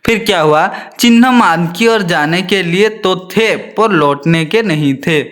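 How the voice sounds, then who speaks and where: A man's voice: high voice, a little slow, fairly bright tone. A male teacher reading a story aloud to young children, often repeating lines and asking them questions.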